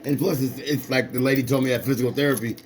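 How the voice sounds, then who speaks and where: Talking fast in a mid-range voice, this amateur boxer in his forties rambles casually to a companion. His street slang is loose and repetitive, with plenty of restarts.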